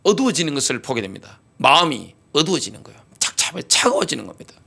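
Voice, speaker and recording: Animated, gravelly-voiced Korean pastor preaching. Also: male voice, medium pitch, fast talker. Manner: emphatic preaching with rhetorical questions; repetitive call-and-response delivery. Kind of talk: sermon.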